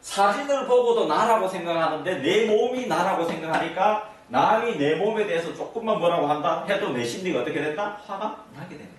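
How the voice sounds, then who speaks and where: A man's voice: high-pitched, animated, brisk, few pauses, slight background noise. A man giving an interactive lecture to an audience, constantly asking them either-or questions. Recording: echoey room, mic at a distance.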